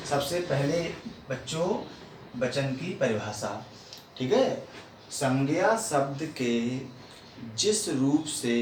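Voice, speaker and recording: Slow, patient teacher, echoey room. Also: male voice, medium pitch. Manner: slow, deliberate, repeats definitions. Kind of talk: classroom lesson for young children. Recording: echoey room, distant mic, faint hiss.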